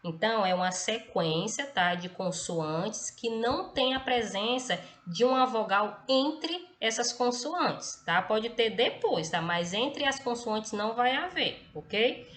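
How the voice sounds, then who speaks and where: A woman's voice: a little high, lively intonation, slow, few pauses, a bit bright. Teacher woman explaining patiently. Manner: explanatory, checks in with frequent "tá?" and "ok?". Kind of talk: recorded online class lesson.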